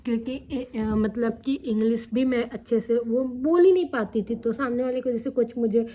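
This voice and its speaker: A woman's voice: a little high, normal speed, warm tone, slight background noise. A young adult woman vlogging casually to the camera, chatty and candid, often checking in with her viewers as she talks. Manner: chatty, candid, tags lines with "theek hai" and "hai na".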